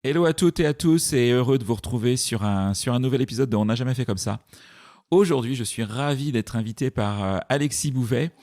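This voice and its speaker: A man's voice: mid-range voice, brisk, a little mellow. A man hosting a podcast interview, hesitating often with fillers and restarts. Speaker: podcast host.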